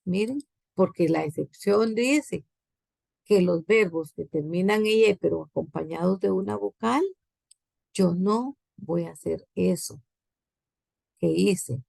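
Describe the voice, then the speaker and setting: A woman with a Guatemalan accent teaches an English grammar lesson at an unhurried, deliberate pace. Her voice carries a heavy gravelly fry, and it sounds close and dry with no room around it. She repeats each example word and its translation patiently. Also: fairly low pitch, a little mellow, no echo. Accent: Guatemalan Spanish.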